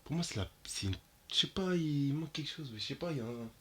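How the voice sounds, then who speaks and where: Excitable young man with street slang. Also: quick pace, a little hiss or hum. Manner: slangy and excitable, jumps high and loud when shocked. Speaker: anime reaction YouTuber. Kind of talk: casual reaction commentary to viewers.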